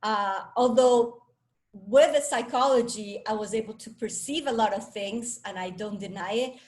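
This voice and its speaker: Enthusiastic higher-voiced woman speaker from Venezuela. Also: normal speed, a little mellow. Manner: enthusiastic, self-assured, chatty with restarts. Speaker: speaker and coach. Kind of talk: talk to a live audience.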